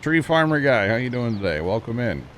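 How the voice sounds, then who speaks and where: There's a little hiss or hum as a streamer with a medium-pitched voice talks fairly quickly into his headset mic. He plays a farming game and chats loosely, saying hi to people in his chat.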